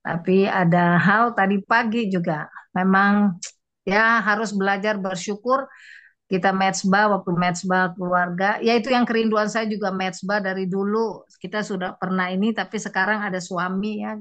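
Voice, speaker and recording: A woman's voice: mid-range voice, steady tone, normal speed, fairly bright tone. An older woman gives a heartfelt testimony to a prayer group, wandering from point to point and slipping into quotes of what others said. The sound is dull and lo-fi, like an online call. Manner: emotional, rambling, quoting others. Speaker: church member giving testimony. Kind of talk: casual spoken testimony.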